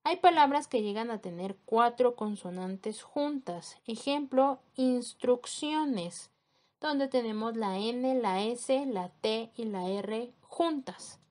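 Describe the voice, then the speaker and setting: A woman teacher explaining a grammar lesson in a measured way, spelling out examples letter by letter. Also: a little high.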